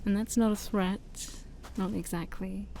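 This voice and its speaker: In a soft-spoken ASMR roleplay, a woman plays a shy yet haughty ancient demon princess, her breathy voice often close to a whisper as she uses formal, theatrical phrasing broken by awkward hesitations. Her pitch is medium and her tone steady, and she takes her time. The mood is fond and teasing, with slight background noise.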